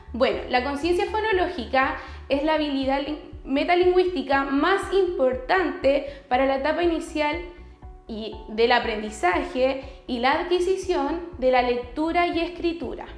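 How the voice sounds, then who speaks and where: A woman with a Chilean accent teaches young children in a patient, clearly spoken way, asking them simple questions as she goes. Her voice sits high, and the room adds a noticeable echo. Soft music plays faintly underneath. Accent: Chilean Spanish. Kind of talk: recorded remote class for first graders.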